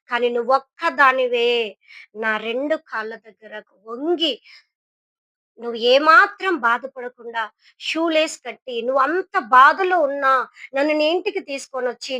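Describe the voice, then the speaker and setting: A woman voicing a kind, humble middle-aged man who poses as a beggar, speaking in a soft, pleading way. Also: sits high, no room sound. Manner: pleading, then earnest and kind.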